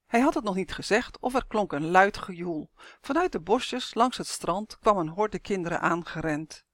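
A woman's voice: medium pitch, normal speed, no room sound, clean studio sound. Woman reading a children's story. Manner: lively expressive narration. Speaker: narrator.

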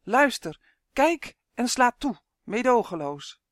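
A man voicing a gruff, sharp-eared gnome man with a growling, commanding manner. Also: sits high, normal speed, no echo, studio quality, lightly acted. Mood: battle cry.

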